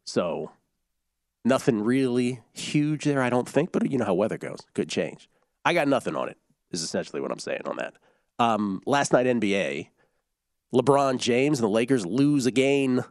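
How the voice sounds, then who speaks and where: A man's voice: medium pitch, expressive, moderate pace, no room sound, clean studio sound. A man co-hosting a sports betting show, chatting casually and joking while he rattles off scores, odds and team news.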